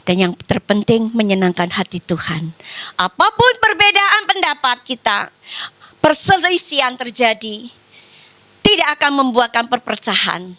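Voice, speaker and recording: Older lady pastor preaching in church, high bright voice, gets loud then drops to a hush, slangy asides. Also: sing-song, measured pace, dry recording. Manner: emotional storytelling, swings between loud and hushed; mixes formal preaching with casual slang. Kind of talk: sermon with personal testimony. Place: church service.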